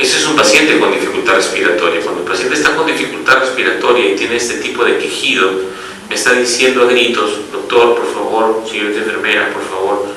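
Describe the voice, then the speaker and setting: A man's voice: mid-range voice, pushed and bright, heavy reverb, far from the mic, slight background noise, rough recording. A man giving a medical lecture as a pediatric doctor, explaining step by step and often checking that the audience follows.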